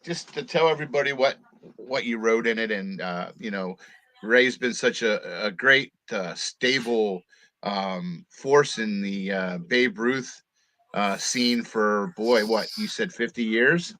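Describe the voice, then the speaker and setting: Easygoing bright-toned sports co-host man. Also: lowish voice, takes it slowly, no echo. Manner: easygoing, hesitant, many fillers and laughs. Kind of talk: casual sports talk. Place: home office.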